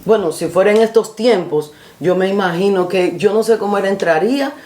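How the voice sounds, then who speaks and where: A woman's voice: mid-range voice, fairly quick, a little mellow. Earnest woman preaching in an echoey room. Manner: earnest, repetitive rhetorical phrasing; addresses listener formally as usted. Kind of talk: spoken reflection, sermon-like.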